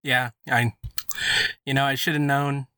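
Joking man with a bright voice. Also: mid-range voice, little pitch movement, measured pace, clean tone, no echo. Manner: joking, rambling. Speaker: guest. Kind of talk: casual chat. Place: laundry room. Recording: noisy laundry room recording.

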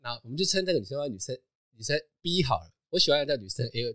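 Animated fast-talking man. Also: mid-range voice, dry recording, clean studio sound. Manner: animated storytelling, laughing often. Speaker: podcast host. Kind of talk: casual chat.

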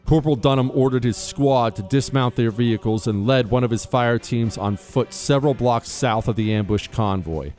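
An American man, a radio host, reading a military citation aloud in a crisp, formal, scripted manner. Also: medium pitch, normal speed, hardly any pauses, darkish tone, faint music behind. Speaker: radio talk show host.

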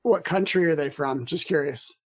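A man's voice: fairly high pitch, moderate pace. Male podcast host, easygoing interviewer, lots of "uh"s and restarts. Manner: chatty, lots of fillers and restarts. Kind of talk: casual interview.

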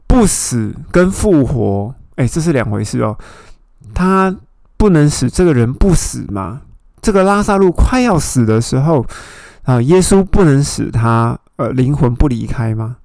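A man with a gravelly, mid-pitched voice leads a Bible study lesson. He retells scripture scenes and stops to ask his listeners pointed questions. The sound is dry and close, with no room echo. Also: lively intonation, unhurried, a little mellow. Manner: explanatory, asks the listener rhetorical questions. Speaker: Bible teacher.

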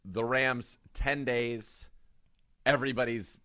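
A male co-host in casual sports banter, joking and making a show of his picks. His voice is bright and forward, and it sounds close and dry. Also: mid-range voice, fairly even intonation, takes it slowly, clear, resonant tone, no echo. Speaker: co-host picking games. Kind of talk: casual sports podcast chat.

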